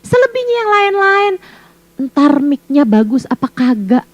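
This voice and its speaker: Woman preacher, high voice, casual teasing sermon, rhetorical questions. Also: unhurried, no room sound, low-quality recording. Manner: lively, teasing, asks many rhetorical questions. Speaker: Islamic preacher.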